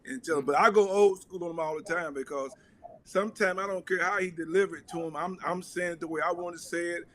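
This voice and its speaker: Middle-aged male coach, earnest and repetitive, voice on the higher side. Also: fast talker, slight background noise. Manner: earnest, repeats words when excited. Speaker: coach and father of an athlete. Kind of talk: casual talk show chat.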